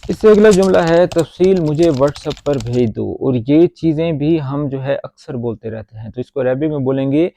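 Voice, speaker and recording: A Pakistani-accented man gives an informal language lesson. His voice sits a little high but sounds mellow and warm, recorded dry and close. He explains patiently and repeats each phrase. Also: vocal fry, no echo. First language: Urdu. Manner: explains slowly, repeats words, chatty asides. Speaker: Arabic teacher.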